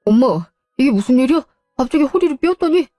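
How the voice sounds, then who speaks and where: A woman's voice: high voice, expressive, quick pace, mellow, no echo, clean studio sound, faint music behind. A woman voicing a grown son in a radio drama, an overworked civil servant who complains in a whiny, defensive way. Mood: concerned.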